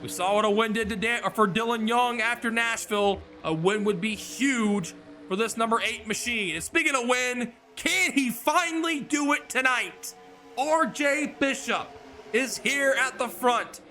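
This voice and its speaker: A man calling a sim racing event as play-by-play commentator, excitable and exclaiming, sometimes breathless. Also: extremely high pitch, a little slow, faint music behind. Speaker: race commentator.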